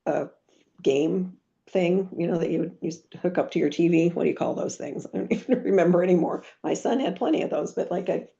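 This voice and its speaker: A woman's voice: lowish voice, a little fast, vocal fry, muffled recording. A middle-aged woman on a video call, telling earnest stories of her business and team, with frequent restarts. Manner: warm anecdotal, earnest, many restarts. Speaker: guest speaker, team leader. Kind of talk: motivational storytelling on a team call.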